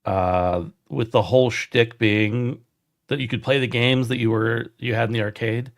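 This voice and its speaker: A man's voice: medium pitch, fairly even intonation, normal speed, no echo, clean studio sound. A man hosting a casual gaming podcast, easygoing and chatty. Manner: easygoing, chatty, frequent restarts. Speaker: podcast host.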